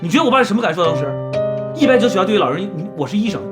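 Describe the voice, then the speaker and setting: A fast-talking middle-aged husband, a doctor, scolds his wife without letting up. His voice swings up and down a great deal. Music plays loudly underneath. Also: sits high, expressive. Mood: accusing. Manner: fast, heated, keeps pressing his wife. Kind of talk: TV drama acting.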